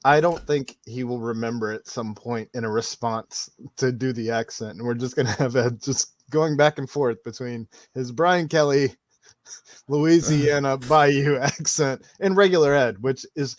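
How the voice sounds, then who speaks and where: A man's voice: mid-range voice, measured pace. A man hosting a casual sports podcast, with a mid-range voice and an easygoing delivery. He steers the chat from topic to topic. His voice is close and dry, with no room echo. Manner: conversational, leads the topics. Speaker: podcast host.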